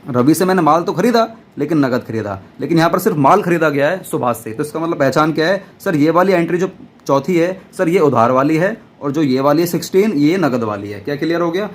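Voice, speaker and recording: A man teaching an accounts class, loud and playful, often answering his own questions in a student's voice. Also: fairly high pitch, expressive, brisk. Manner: loud, almost shouting while teaching. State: dry throat. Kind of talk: classroom lecture.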